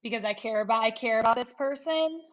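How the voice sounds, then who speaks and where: A woman in her thirties hosts a podcast, chatting casually and reflectively with plenty of fillers. Her voice is a little high and she talks fast. The sound is dull and lo-fi.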